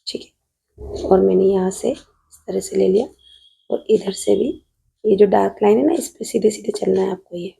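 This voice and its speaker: A woman's voice: mid-range voice, moderate pace, vocal fry, long pauses, mellow. A woman math teacher with a Rajasthani Hindi accent, patiently solving an exam paper on video while writing at a desk and calling her students "beta".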